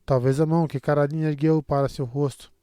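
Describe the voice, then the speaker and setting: A man with a Brazilian Portuguese accent reading an audiobook in a steady, measured way. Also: a little high, smooth, no room sound, clean studio sound. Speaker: audiobook narrator. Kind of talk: audiobook narration.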